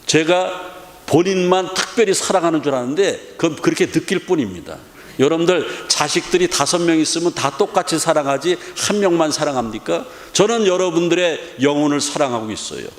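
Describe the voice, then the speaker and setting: A middle-aged male pastor preaching with emphatic rhetorical questions. His voice sits a bit high for a man, and it rings through a large church hall with long reverb. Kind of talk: sermon. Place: church sanctuary.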